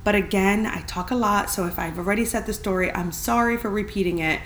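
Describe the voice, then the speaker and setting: A big, roomy echo surrounds a woman recording a solo podcast in a spacious apartment, with some noise behind her. Her voice sits at a medium pitch. She talks casually and candidly, like an informal storyteller who leans on her points for emphasis. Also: brisk, a bit bright. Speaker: podcast host. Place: friend's spacious apartment, indoors. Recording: big echoey room, clear background noise.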